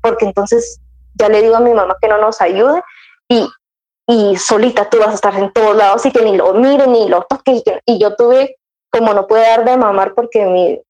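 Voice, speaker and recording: A woman's voice: on the high side, normal speed, a little mellow, low-quality recording. Chatty young woman. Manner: chatty storytelling, acting out her own past words, many restarts. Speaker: guest sharing her motherhood story. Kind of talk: casual chat.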